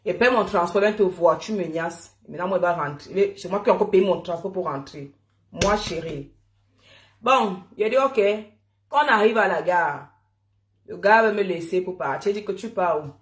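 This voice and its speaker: A woman from Cameroon tells a personal story in a lively, chatty way, often laughing and calling her listeners "mon frère". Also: fairly low pitch, moderate pace, reverberant.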